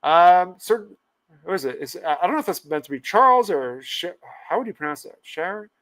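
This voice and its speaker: Smooth-voiced, laughing male podcast host. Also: high-pitched, very animated, brisk, a bit bright. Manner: laughs often, reads viewer comments aloud. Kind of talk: casual livestream chat.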